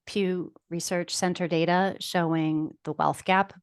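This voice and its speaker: Low-pitched woman presenting, dry close sound. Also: steady tone, unhurried, clean tone, no room sound. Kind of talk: slide presentation to an online audience. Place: online video call.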